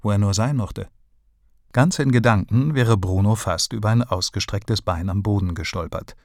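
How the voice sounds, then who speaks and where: A man narrating a children's audiobook story in a calm, even storytelling manner. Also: lowish voice, moderate pace, no room sound, studio quality.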